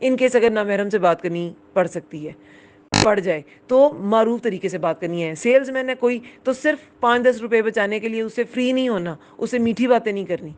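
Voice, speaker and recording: A woman's voice: fairly high pitch, a little mellow. A woman giving a religious lesson, explaining patiently and often asking her listeners whether they understood. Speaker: Quran teacher. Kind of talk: Urdu religious lesson with English words.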